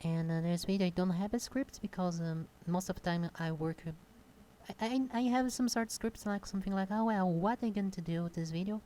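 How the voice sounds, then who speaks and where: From her home computer desk, a young Brazilian content creator with a Brazilian Portuguese accent speaks shyly and haltingly close to the mic in an unscripted casual chat, with lots of pauses and fillers. Her voice is on the low side and warm-toned, and the recording quality is low.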